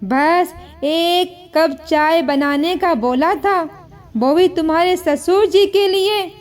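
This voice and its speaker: A woman voicing a gentle, sad elderly mother-in-law who pleads softly in a storybook tale. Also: very high voice, takes it slowly. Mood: sad, pleading. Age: older. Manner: soft, pleading, sorrowful.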